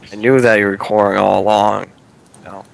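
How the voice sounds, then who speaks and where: A man's voice: fairly low pitch, little pitch movement, fairly quick, gravelly. A teenage boy chatting over voice chat while gaming, with sarcastic, exasperated banter toward a friend who keeps trolling him. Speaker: friend being trolled in a game.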